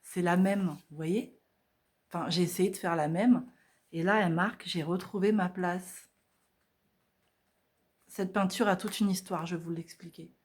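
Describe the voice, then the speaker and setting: A woman's voice: lowish voice, moderate pace. Chatty french-speaking lady going thru her paintings at home, lots of euh and hein. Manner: chatty, hesitant with many fillers. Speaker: art vlogger. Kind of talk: casual art journal walkthrough.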